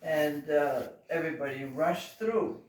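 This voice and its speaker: A very old woman in her nineties from Belgium, recalling her past informally and haltingly as she searches for words. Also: low-pitched, a little mellow. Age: 90s. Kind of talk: informal oral reminiscence. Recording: roomy home recording, distant mic, faint noise.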